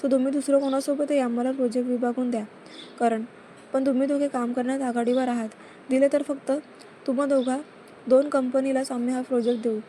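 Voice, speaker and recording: A woman's voice: high voice, flat delivery, brisk, warm tone, a little hiss or hum, natural voice. A woman reading the part of a formal, businesslike committee member in a story.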